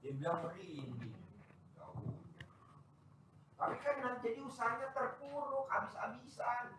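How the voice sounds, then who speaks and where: A man, hosting and chatting loudly and teasingly with visitors. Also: extremely high pitch, animated, normal speed, background noise. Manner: joking, boisterous, loud and teasing. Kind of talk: casual chat with visitors. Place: large echoey space, maybe a sheep barn. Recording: very echoey, distant mic.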